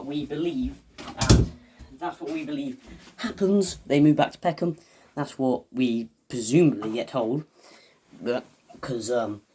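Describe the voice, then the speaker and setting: A man's voice: mid-range voice, darkish tone. A man talks casually to his viewers as a video reviewer. He wanders from point to point, trips over his own words and fills the gaps with "um" and "uh". His chatty asides show him as an eager fan. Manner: rambling and hesitant, many fillers and restarts.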